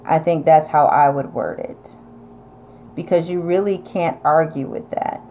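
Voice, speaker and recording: A vlogger with an upstate New York accent reads viewer comments and answers them bluntly in a casual advice chat. Her voice is low-pitched, mellow, and a little slow, with slight background noise.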